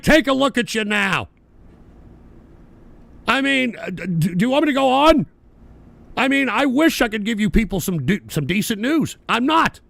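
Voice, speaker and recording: A man's voice: high-pitched, gravelly, fairly bright tone, no echo. A man hosting a political talk show, ranting angrily and sarcastically with heavy profanity. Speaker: political commentary host.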